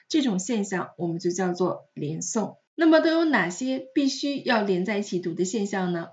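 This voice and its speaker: A woman in a recorded language lesson teaches French pronunciation with patient, step-by-step explanations. Her voice sits at a middle pitch, and she slows down to repeat example words clearly. The recording sounds a little dull and lo-fi. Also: darkish tone.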